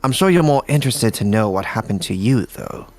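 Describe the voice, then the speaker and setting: A man voicing a weary male demon who speaks with dry, unhurried mock formality in an amateur visual novel reading. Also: on the low side, expressive, a little mellow, faint music behind. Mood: wry.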